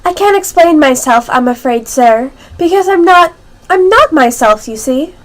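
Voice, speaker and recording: A woman's voice: sits high, expressive, normal speed. A young female performer playing Alice, a polite, bewildered, earnest little girl, in an amateur radio play.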